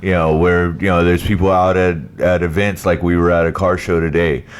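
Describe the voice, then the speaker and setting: Deep-voiced man chatting casually. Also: flat delivery, a little fast, clean tone. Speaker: podcast host. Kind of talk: casual chat, explaining. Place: living room.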